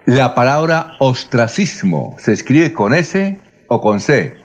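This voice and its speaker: A man hosting a radio call-in segment who reads out listener questions about spelling in a brisk, plain way. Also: mid-range voice, sing-song.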